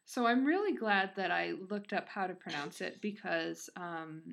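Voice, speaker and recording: A woman's voice: fairly low pitch, animated, normal speed, vocal fry, fairly bright tone. A woman with a Michigan accent co-hosting a podcast, telling a story casually with giggly, informal asides. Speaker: podcast co-host.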